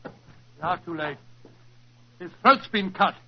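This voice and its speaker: A man's voice: high voice, animated, takes it slowly, full character voice. A man playing an earnest, fussy English doctor, the loyal companion of a detective, in a 1940s radio drama. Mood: alarmed. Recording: muffled, noisy old 1940s radio recording.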